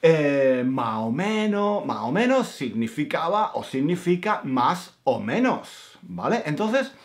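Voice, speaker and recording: A man in his fifties from Granada with an Andalusian accent, telling a personal story as a Spanish teacher, repeating phrases for emphasis. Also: on the high side. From Granada, Spain. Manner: slow, repetitive, emphatic, with frequent fillers. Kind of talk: storytelling lesson for learners.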